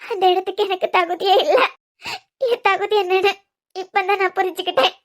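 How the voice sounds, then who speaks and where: A woman voicing a tearful young wife in a cartoon series, pleading softly with a Kanyakumari accent. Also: very high-pitched, flat delivery, brisk. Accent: Kanyakumari Tamil. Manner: pleading, sniffling. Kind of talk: cartoon web series voice acting.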